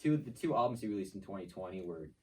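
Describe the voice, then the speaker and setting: A man's voice: sits low, animated, fast, warm tone, far from the mic, rough recording. A young man co-hosting a student podcast, talking in a laid-back, hesitant way. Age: young adult. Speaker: co-host. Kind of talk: casual chat.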